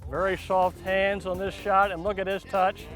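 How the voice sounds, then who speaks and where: A high-voiced man gives golf commentary in an effusive, encouraging way. He sounds like an excited contest host, exclaiming over each shot outdoors, with music clearly playing behind him. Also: moderate pace, rough recording.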